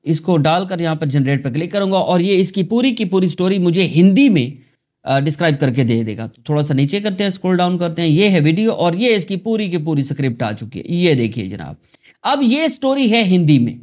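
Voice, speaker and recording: High-voiced Pakistani man explaining software. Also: expressive. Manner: chatty, addresses viewers as "janab" and "dosto". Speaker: tutorial host. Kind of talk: screen-recorded software tutorial.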